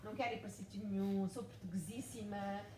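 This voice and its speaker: A fast-talking woman with a medium-pitched, steady voice: a Mozambican writer in her forties, appearing as an author guest in a bookshop event room. She delivers her story emphatically, with heavy repetition, and the audio is noisy and echoey from a distant microphone.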